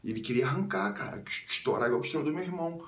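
A young man from the suburbs of Rio de Janeiro with a Carioca accent, telling a story casually in slang and jumping into high squeals when he quotes people. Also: very fast, echoey room. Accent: Carioca Brazilian Portuguese. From Rio de Janeiro suburbs, Brazil. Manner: slangy, animated, jumps into high squeals when quoting others. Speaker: vlogger.

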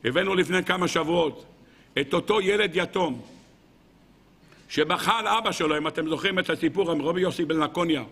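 A man preaching a sermon as a rabbi, asking his listeners questions and swinging between loud exclamations and soft asides. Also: fairly high pitch, breathy edge. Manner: asks the audience questions.

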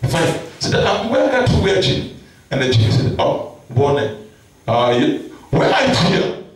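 A man's voice: a little high, huge pitch swings, a little slow, distant mic. A man with a South African Venda accent preaching a sermon, leading a mass prayer and telling a story with the voices of its people. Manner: storytelling, acting out voices in his tale, calls and responses. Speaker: pastor. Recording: very echoey hall, picked up from afar, music behind.

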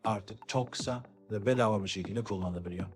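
A man whose voice is converted by AI into a cold, menacing male film agent, with a deep pitch-shifted sound and slow, even delivery.

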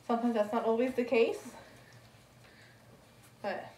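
A woman's voice: fairly high pitch, steady tone, measured pace, mellow. A woman chatting casually through a haul vlog, rambling as she describes each item one by one, recorded at home. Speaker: thrift reseller vlogger. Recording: roomy, distant mic, faint ambience.

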